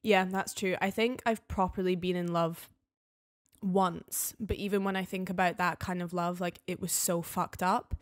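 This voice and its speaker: A young woman with a Highland Scottish accent, chatting casually and candidly in a self-questioning way. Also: fairly even intonation, moderate pace. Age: young adult. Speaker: podcast guest and flatmate of the host. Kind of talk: casual confessional chat about dating.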